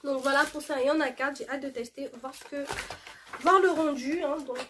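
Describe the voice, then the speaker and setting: A woman's voice: sits high, fairly quick, a bit bright, a little hiss or hum. A woman chatting casually to camera in a beauty haul video, reading product labels aloud with lots of fillers. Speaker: beauty vlogger showing a shopping haul.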